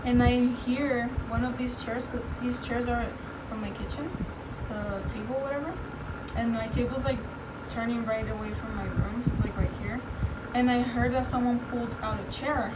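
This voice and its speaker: A woman's voice: steady tone, normal speed. A woman casually telling a personal story to friends in a conversational way, often using "like" as a filler. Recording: noisy, distant mic, background rumble.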